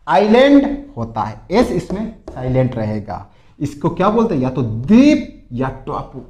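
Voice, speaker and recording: A man teaching English vocabulary, repeating each word slowly for drilling. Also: fairly high pitch, darkish tone. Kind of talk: spoken vocabulary lesson. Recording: echoey room.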